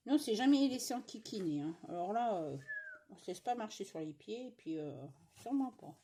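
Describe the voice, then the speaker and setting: A woman's voice: mid-range voice, lively intonation, moderate pace, mellow. A middle-aged woman from France chatting casually while she stitches, grumbling and rambling with many fillers and asides, recorded at home. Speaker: cross-stitch vlogger.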